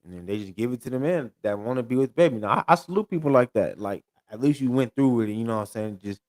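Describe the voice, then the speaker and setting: A man's voice: mid-range voice, animated, fast talker, darkish tone, no echo. A man in casual podcast chat, rambling and repeating himself as he restarts his thoughts.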